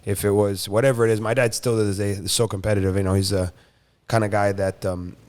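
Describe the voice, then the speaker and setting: A man's voice: lowish voice, level tone, fast, a little mellow, no echo. A man from Brazil raised in South Florida, a jiu-jitsu competitor telling his story casually with lots of fillers. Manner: rambling, frequent "you know" and "uh" fillers. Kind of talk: casual interview chat.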